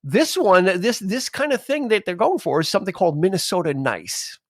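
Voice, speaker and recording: A man co-hosting a podcast in casual chat, rambling and animated, often quoting lines. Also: high voice, normal speed, dry recording, clean studio sound. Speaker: podcast co-host.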